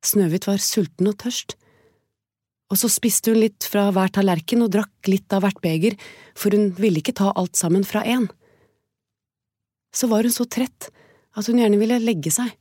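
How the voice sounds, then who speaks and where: A woman reading a fairy tale aloud as a storyteller, calm, gentle and evenly paced. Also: mid-range voice, pauses often, no room sound, clean studio sound.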